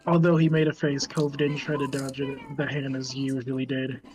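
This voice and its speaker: A man's voice: mid-range voice, little pitch movement, fairly quick, a little mellow, soft background music, rough recording. A man streaming a visual novel, reading its narration aloud in a casual way, often breaking off to laugh and swear.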